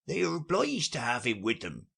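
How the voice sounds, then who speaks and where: A man reading aloud and voicing the Mock Turtle, a mournful storybook creature, with a slow, drawn-out delivery. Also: mid-range voice, wildly swooping pitch, gravelly, pushed and bright, slightly rough, voice pushed up, exaggerated voice.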